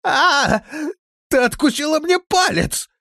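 A man doing a shrill, panicky thug yelling high. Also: very animated, moderate pace, no room sound, studio quality. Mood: wailing. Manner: yelling, pleading, sobbing. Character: panicky burly male thug, shrill and whining. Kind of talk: audiobook character voice.

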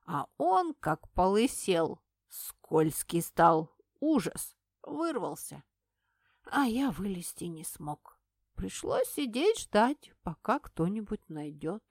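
A woman voicing a tipsy, cheeky little male imp familiar who hiccups and drawls slowly in an audiobook. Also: mid-range voice, very animated, darkish tone, dry recording, clean studio sound, full character voice. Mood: boastful.

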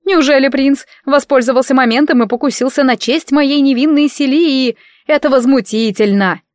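Storybook mother, middle-aged and fussy, shrill and loud as a female reader puts her on, dry recording. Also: normal speed, no room sound, natural voice. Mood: outraged. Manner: shrill and indignant.

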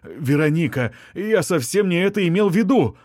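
A man's voice: a little high, expressive, moderate pace, darkish tone, no room sound, studio quality, voice pushed up. A man playing a middle-aged violinist, a pushy suitor who wheedles and sulks and turns spiteful. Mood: pleading. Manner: wheedling, offended, turning menacing. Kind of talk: audiobook character reading.

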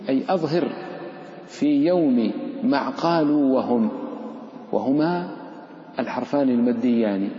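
A man teaching recitation rules in a classroom lesson, drawing out example words slowly and putting questions to his students. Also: medium pitch, warm tone, a little hiss or hum. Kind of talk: classroom explanation of tajweed verses. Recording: roomy, echoey lo-fi hall recording.

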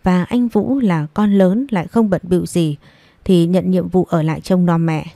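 Mellow-voiced woman narrating a story. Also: fairly low pitch, steady tone, moderate pace, vocal fry, dry recording. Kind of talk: scripted narration.

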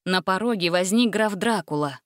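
Expressive woman storybook narrator. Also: mid-range voice, moderate pace, dry recording, studio quality. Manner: lively, expressive reading.

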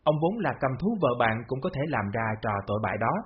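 A man reading the lines of a long-suffering middle-aged mother who speaks slowly and pleads. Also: medium pitch, big pitch swings, breathy edge. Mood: bitter. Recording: dull lo-fi audio.

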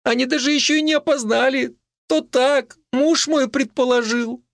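A man voicing a spirited young village witch and wife, high, indignant and bossy. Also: fairly even intonation, normal speed, creaky, dry recording, studio quality. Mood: alarmed.

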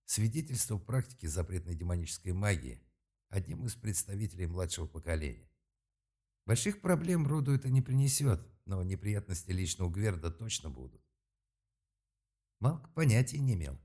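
A man reading an audiobook aloud in a steady, measured way. His voice is very deep and dark, with a husky, breathy grain. The delivery stays calm and even through long narrated passages. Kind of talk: scripted narration.

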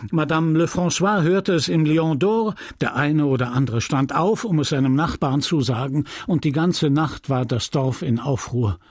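A man reading a classic novel as an audiobook in a measured, dramatic, often hushed way, on a close studio mic. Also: a little high, husky, no room sound. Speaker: audiobook narrator.

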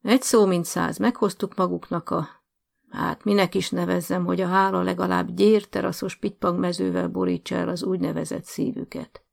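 A woman's voice: on the low side, little pitch movement, vocal fry. A woman reading an audiobook, voicing a rude male official who talks in a curt, mocking, condescending way. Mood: contemptuous.

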